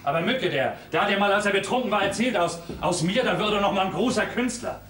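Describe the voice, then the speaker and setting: An actor playing an exasperated, blustering young lodger in a stage comedy, heard from afar on an echoey stage. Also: male voice, high voice, fast, fairly bright tone, distant mic, slight background noise. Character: exasperated young lodger trying to end an affair. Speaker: Fred, furnished-room lodger.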